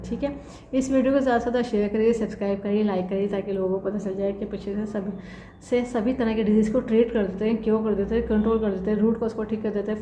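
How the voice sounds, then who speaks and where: Walking viewers through an acupressure demonstration, a woman speaks in a mellow mid-range voice, frequently asking "theek hai" as she instructs. The recording sounds roomy and dull, with slight background noise.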